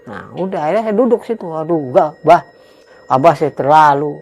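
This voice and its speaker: A man telling a host about his own experience, emphatic and dramatic, jumping between loud outbursts and hushed murmurs. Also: a little high, animated, a little fast, soft background music. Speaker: guest recounting a personal experience. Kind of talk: animated storytelling to a host.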